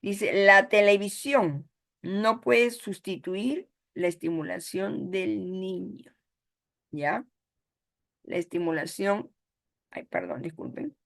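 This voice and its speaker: This online lecture features a woman instructor with a Peruvian Spanish accent who takes it slowly, with vocal fry in her mid-range voice. Her manner is explanatory, and she keeps checking in with "¿ya?" and "¿no?".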